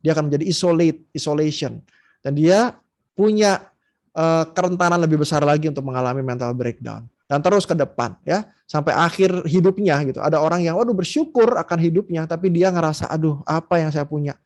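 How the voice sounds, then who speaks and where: A man who is a psychologist, giving an online seminar lecture, animated and acting out scolding parents' voices, with many fillers. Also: on the high side, fairly quick. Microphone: video call.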